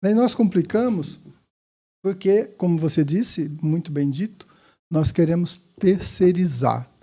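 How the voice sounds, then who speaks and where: A man's voice: sits high, a little slow, mellow. A man with a Brazilian Portuguese accent, a pastor giving emphatic advice in a podcast conversation.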